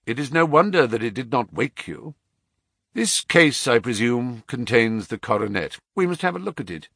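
A man reading aloud, playing a calm, precise male detective who asks measured, probing questions. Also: mid-range voice, creaky, breathy edge, dry recording, clean studio sound, full character voice. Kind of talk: audiobook reading.

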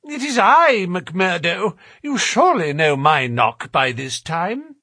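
A man voicing a fussy, anxious, genteel gentleman with a plaintive, fretful manner in an audiobook story. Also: very animated, slow pace, breathy edge, no echo, studio quality, full character voice. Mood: peeved, pleading. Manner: high-pitched, fretful, genteel phrasing.

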